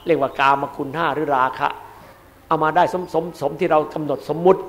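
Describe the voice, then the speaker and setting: A man, a Buddhist monk, giving a dharma sermon in an emphatic way, repeating key words and swinging between loud and soft. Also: a little high, steady tone, a little fast.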